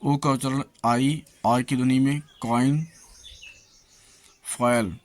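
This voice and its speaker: A male English teacher with a mid-range voice works slowly and deliberately through pronunciation lists, saying each example word by itself before going on to the next. Between lists he addresses his viewers, steadily encouraging them to keep practising.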